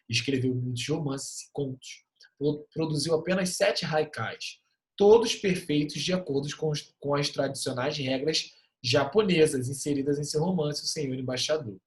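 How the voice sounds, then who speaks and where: Lively Brazilian man teaching a class. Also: on the high side, normal speed. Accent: Brazilian Portuguese. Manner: lively, joking, reads poems aloud. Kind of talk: online class lecture.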